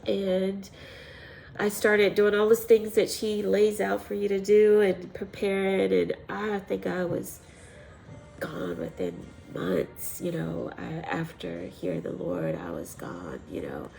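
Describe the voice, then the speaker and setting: Faint music plays behind a woman who speaks slowly, medium-pitched and dark with vocal fry. Congested by a cold, she's a missionary chatting casually through her personal testimony vlog, rambling with ums and light laughs.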